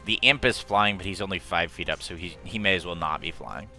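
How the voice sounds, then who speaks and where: A man's voice: deep voice, a little fast, sharp tone, soft background music. A man running a tabletop game as game master, chatty and laughing, with many fillers.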